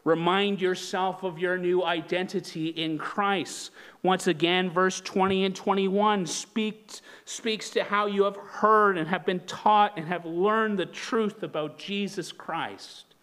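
A man in his thirties preaching a sermon from a church pulpit, earnest and measured, asking the congregation rhetorical questions. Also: high-pitched, steady tone, a bit bright, clear, resonant tone. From Canada. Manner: gestures broadly while leaning on the pulpit. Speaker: pastor. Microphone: pulpit microphone.

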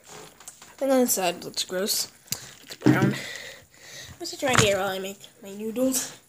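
A woman's voice: mid-range voice, normal speed, heavy background noise. A teenage girl talking casually and rambling to a tablet camera at home while vlogging. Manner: chatty, giggly, rambling. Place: home kitchen and bedroom. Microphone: tablet camera at arm's length.

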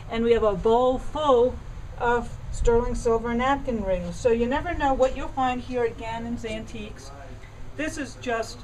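A woman's voice: on the high side, a little hiss or hum, poor audio. A middle-aged woman giving an enthusiastic, conversational tour of silver pieces in an antiques shop, with fillers and restarts, recorded on a nearby camera. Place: indoor antiques shop among display cases.

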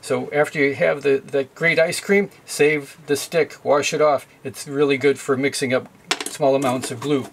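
A middle-aged man with a mid-range voice and vocal fry demonstrates at a boat's galley sink for a sailing how-to video. He talks at a moderate pace with fairly even intonation, explaining plainly and methodically with occasional fillers. A little hiss or hum is present.

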